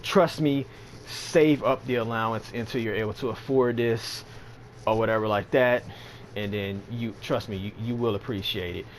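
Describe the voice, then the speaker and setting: A man's voice: fairly low pitch, fairly even intonation, moderate pace, slight background noise. A man giving casual, rambling commentary on a game update, sleepy and yawning, with lots of fillers and slang. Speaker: gaming channel host.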